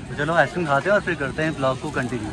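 A man in his thirties, chatting cheerfully to his viewers while walking through a busy tourist spot outdoors, filming on a phone held at arm's length. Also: a little high. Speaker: family vlogger. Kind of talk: casual travel vlog narration. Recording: loud crowd and noise around.

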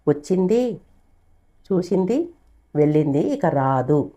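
A woman voicing a bold young man who calmly reassures his frightened friend in a told story. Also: on the low side, takes it slowly, lo-fi sound, heavily acted. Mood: firm.

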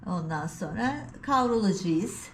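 A woman's voice: medium pitch, expressive, a little slow, roomy sound, a little hiss or hum. A middle-aged woman vlogging with her cats at home, talking to them in a playful, teasing baby-talk voice. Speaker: cat vlogger. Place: home by a balcony.

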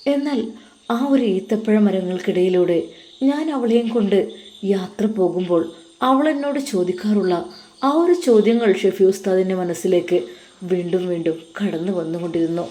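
A woman storyteller doing scripted story narration, reading slowly and emotively with long pauses. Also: lowish voice, mellow.

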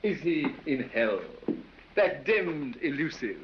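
A man's voice: a little high, big pitch swings, slow pace. A man playing a foppish, affected English aristocrat with an English accent, drawling and silly, in 1930s film acting. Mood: foppish banter. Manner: drawling, silly, laughs at his own jokes. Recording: dull 1930s film soundtrack with faint hiss.

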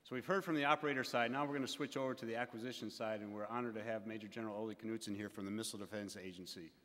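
A man chairing a conference panel, briskly introducing the next speaker. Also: lowish voice, steady tone, a bit bright. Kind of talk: panel moderation. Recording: reverberant hall.

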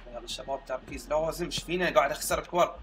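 A young man giving excitable live commentary on his own football video game match, shouting at his players. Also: a little high, racing. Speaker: gaming streamer.

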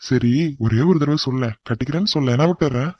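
Voicing a cartoon character, a man plays a cocky youth who boldly and bossily teases his cousin in a teasing mood. His natural voice sits at medium pitch and moves fast. The recording has no room sound, and its highs are cut off.

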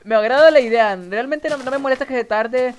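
In a very high voice and brisk delivery, a young streamer with a northern Mexican accent rambles casually to viewers while gaming, giggling nervously along the way. There's slight background noise.

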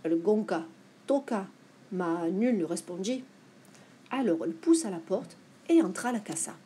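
A woman reading a playful children's picture book aloud for a library, with lively, expressive storytelling. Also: medium pitch, moderate pace, slight background noise. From France.

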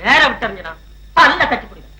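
An actor playing a gruff, joking father in a film scene. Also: extremely high pitch, big pitch swings, fast talker, roomy sound. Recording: clear background noise.

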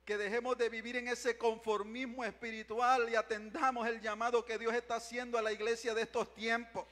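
Pacing the stage of a big sanctuary with a handheld mic, a young preacher delivers an impassioned revival sermon, calling "mi amado hermano" to his listeners again and again. His extremely high, fairly bright voice is flat in delivery and a little fast, and the church reverb lingers long.

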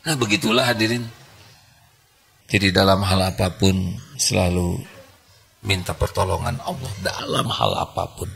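An older man, folksy and humorous. His voice has a gravelly texture with a bright, forceful edge, and he shifts between hushed pleading and lively emphasis. He speaks into a handheld microphone. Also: sits low, moderate pace, long pauses, a little hiss or hum. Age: 60s. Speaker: preacher. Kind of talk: sermon. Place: stage before a large indoor congregation.

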